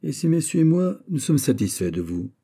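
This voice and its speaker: A man doing a commanding musketeer, pitched high. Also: very animated, a little fast, warm tone. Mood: firm. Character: calm commanding older male musketeer.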